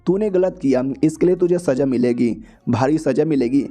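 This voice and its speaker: A man's voice: normal speed, warm tone, soft background music, close to an everyday voice. A man voicing an arrogant, domineering rich young man who teases and orders people around. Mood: domineering swagger. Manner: low, bossy, teasing.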